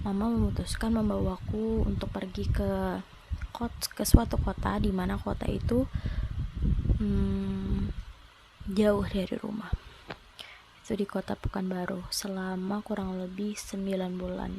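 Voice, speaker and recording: A woman in her twenties from South Sumatra, telling a personal story in a soft, reflective and slightly hesitant way. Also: medium pitch, little pitch movement, unhurried, gravelly, long pauses, noisy background. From South Sumatra, Indonesia. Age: 20s. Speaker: vlogger.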